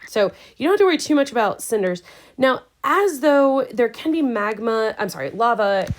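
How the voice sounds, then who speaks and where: A woman's voice: fairly high pitch, animated, moderate pace, slight background noise, poor audio. A woman science teacher giving a casual, chatty recorded lecture full of wry asides and fillers. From Indiana, US. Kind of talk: recorded class lecture over slides.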